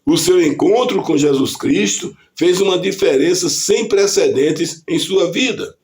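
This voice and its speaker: This preacher speaks with a Brazilian Portuguese accent, reading scripture with measured care as part of a scripted devotional. His pitch is high, expressive, and slightly mellow.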